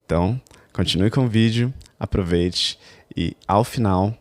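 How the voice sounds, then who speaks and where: A man's voice: lowish voice, measured pace. A man explaining and promoting lessons in a scripted, persuasive way. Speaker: English teacher. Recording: music playing underneath.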